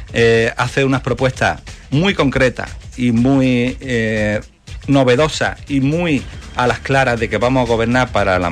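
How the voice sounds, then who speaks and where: A man from Málaga, a political candidate giving earnest, fluent answers in a radio interview. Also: mid-range voice. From Málaga, Spain. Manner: earnest, fluent campaign talk with fillers.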